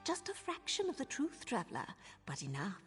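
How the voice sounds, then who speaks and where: A woman voicing a scheming priestess of a made-up ancient faith in video game dialogue, hushed and wheedling for donations. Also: high voice, huge pitch swings, normal speed, faint music behind. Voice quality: breathy whisper. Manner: hushed, mysterious, wheedling for money. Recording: long hall reverb.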